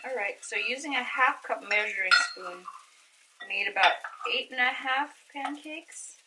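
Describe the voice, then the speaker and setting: A woman's voice: on the high side, normal speed, background noise. A woman hosting a cooking video, talking to viewers in a chatty, informal, step-by-step way. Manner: chatty, informal, addresses viewers as guys and friends. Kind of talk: casual cooking demonstration to camera.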